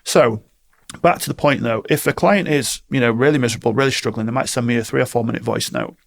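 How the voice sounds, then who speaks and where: A man, a performance coach, calmly and firmly explaining his approach in an interview, telling stories with quoted exchanges. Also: medium pitch, fast, creaky. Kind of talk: podcast interview answers.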